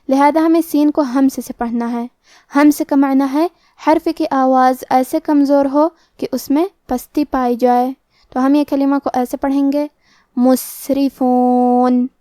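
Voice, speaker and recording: A woman teaching a recitation lesson, explaining each rule and then reciting the words slowly and drawn out. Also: high-pitched, warm tone, dry recording, clean studio sound. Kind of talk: tajweed lesson.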